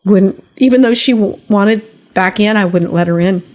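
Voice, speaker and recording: An older woman hosts a podcast, speaking at a normal speed in a medium-pitched, slightly mellow voice. She shares personal stories casually, addressing her listeners directly as if in conversation.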